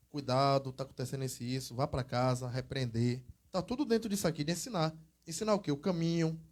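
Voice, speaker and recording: High-voiced evangelist preaching. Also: male voice, darkish tone. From Brazil. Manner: conversational storytelling, acts out quoted voices, exclamatory. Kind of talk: casual sermon teaching. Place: church hall.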